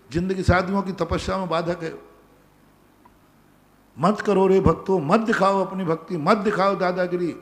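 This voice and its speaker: In a large hall, a nearly empty pandal, a male Jain monk with a high voice preaches a sermon in response to devotees' questions. He drives his instructions home forcefully, saying them again and again.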